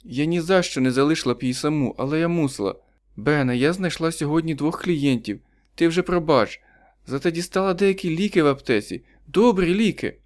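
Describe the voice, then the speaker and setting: A man's voice: a little high, lively intonation, a little fast, pitched above the performer's own voice, natural voice. A man voicing an anxious young wife. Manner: anxious, wary. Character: young worried wife and mother.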